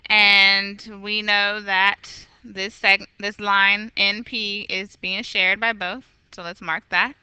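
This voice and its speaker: Slow, bright-voiced woman teaching geometry. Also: medium pitch, little pitch movement, clear, resonant tone, no echo, low-quality recording. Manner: patient, methodical, corrects herself aloud. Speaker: math teacher. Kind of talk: recorded geometry lesson.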